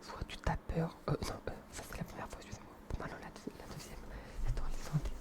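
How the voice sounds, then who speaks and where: A young man whispering in a hushed, breathy library whisper as he presents books in an informal, earnest, hesitant ASMR style. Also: fast talker.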